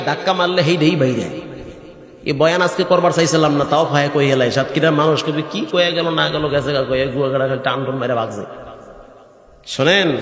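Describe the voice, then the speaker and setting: Bright-voiced man preaching in an echoey hall. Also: a little high. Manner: swings between sung chanting and rustic conversational asides; asks the crowd questions. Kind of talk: Bengali waz sermon with sung recitation. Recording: echoey hall with long reverb.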